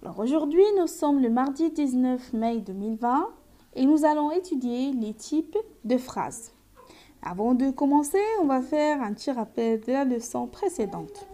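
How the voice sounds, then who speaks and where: A woman's voice: high voice, normal speed, dark tone. A woman teacher giving a grammar lesson, explaining carefully and reading out example sentences.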